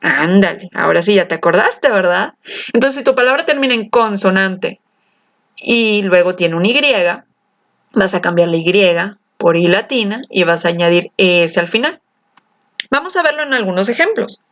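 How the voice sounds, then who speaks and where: A woman teaching an English grammar lesson, lively and coaxing, asking her students questions and stretching out key words. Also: mid-range voice. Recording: slightly dull lo-fi sound.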